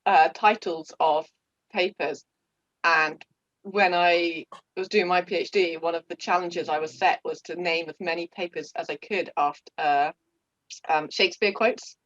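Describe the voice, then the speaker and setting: A woman's voice: lowish voice, steady tone, measured pace, a bit bright, dry recording. Giggly woman host, dull dry audio. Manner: friendly, giggly, with frequent fillers. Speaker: podcast host. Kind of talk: casual interview chat.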